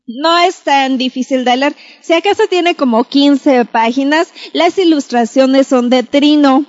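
Mexican woman presenter, high-pitched, animated storyteller reviewing books; muffled lo-fi sound. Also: a little slow. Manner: playful, animated, acts out scenes. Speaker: book reviewer on a broadcast segment. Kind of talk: lively book review with storytelling. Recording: dull lo-fi recording.

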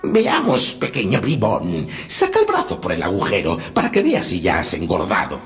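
A man's voice: low voice, huge pitch swings, moderate pace, soft background music, pitched above the performer's own voice, exaggerated voice. A man voicing a cruel, greedy old witch in a storybook, cackling and scolding in a raised, strained voice. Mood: gloating. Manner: cackling, scolding, nearly shrieking at times. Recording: dull lo-fi, loud background noise.

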